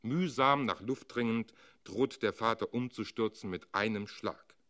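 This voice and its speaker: Expressive male literary narrator. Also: on the low side, measured pace. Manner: expressive, dramatic. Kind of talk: literary reading.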